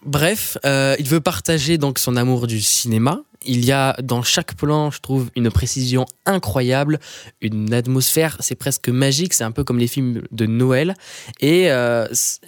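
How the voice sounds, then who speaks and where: A man's voice: medium pitch, dry recording, clean studio sound. Hesitant young man reviewing a film. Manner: hesitant, many fillers. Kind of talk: casual film review chat.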